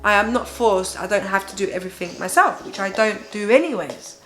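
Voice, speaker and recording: With a mid-range, fairly bright voice that's animated and a little fast, this worn-out young mother chats confessionally to her vlog viewers over soft background music. She candidly and emphatically shares her feelings about life with her baby, checking in as she talks.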